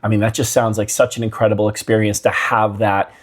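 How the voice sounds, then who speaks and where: A man's voice: lowish voice, level tone, quick pace. A man co-hosting a music podcast in casual chat, joking and rambling with fillers and restarts. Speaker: podcast co-host. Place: living room.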